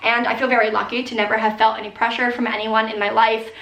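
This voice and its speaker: A woman in her early twenties casually answering viewer questions and telling stories, with animated, giggly girl-talk full of "like". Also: a little high, fast, roomy sound, poor audio. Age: early 20s. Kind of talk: casual chatty Q&A storytelling.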